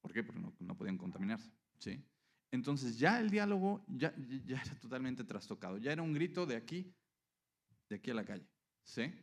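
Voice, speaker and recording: A man's voice: mid-range voice, big pitch swings, brisk. Man preaching a Bible teaching. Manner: explanatory, frequent checking "¿sí?". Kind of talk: sermon teaching.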